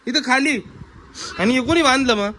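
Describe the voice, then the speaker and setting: A man with a very high, sharp voice talks at a moderate pace in a casual family vlog, often exclaiming and questioning children before turning to tell viewers what happened. Ambient sound makes the background noisy.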